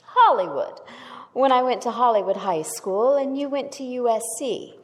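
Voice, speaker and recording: A woman's voice: on the high side, lively intonation, normal speed, close to an everyday voice. Mrs. Collins, a coy, charming hostess, as an actress plays her. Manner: coy, flirtatious, breathy laughs. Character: charming, seductive society hostess, frightened for her life. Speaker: stage radio actor. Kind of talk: live old-time radio drama. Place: historic courthouse, live on stage. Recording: long reverb of a courthouse hall.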